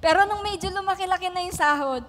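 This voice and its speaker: A middle-aged woman from the Philippines preaches in a church hall, her high voice trailing a long reverb. She talks in a chatty, homely way, laughs often and keeps asking the congregation to agree. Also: fast, fairly bright tone, slight background noise. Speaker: pastor. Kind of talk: sermon with personal stories.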